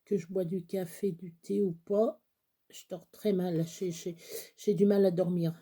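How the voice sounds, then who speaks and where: A woman chatting casually through a crafting tutorial, rambling and halting with many fillers, sometimes dropping to a whisper. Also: lowish voice, steady tone, warm tone, husky. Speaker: craft vlogger.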